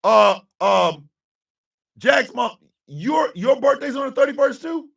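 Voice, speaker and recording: A man in his fifties hosting a live stream, ranting with profanity and often breaking into shouts. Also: very high voice, lively intonation, takes it slowly, gravelly, recorded from a distance. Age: 50s. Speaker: host.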